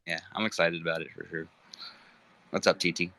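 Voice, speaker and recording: A man co-hosting a casual online chat, halting and full of fillers. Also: low-pitched, level tone, sharp tone. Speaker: co-host.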